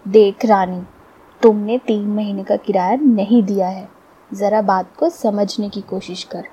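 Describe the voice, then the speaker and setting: A woman voicing a brash male landlord who coaxes and mocks loudly while reading a story aloud. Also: mid-range voice, steady tone, unhurried, slightly rough. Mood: coaxing. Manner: loud, coaxing, mocking. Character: pushy male landlord, brash gambling buddy.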